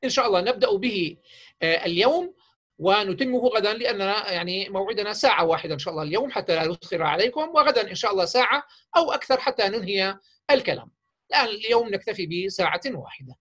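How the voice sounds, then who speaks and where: A man with a husky, slightly breathy voice leads a workshop for teachers. He explains step by step, often stopping on fillers and restarting his sentences. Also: high-pitched, expressive, racing, pushed and bright. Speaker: teacher trainer. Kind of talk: workshop lecture.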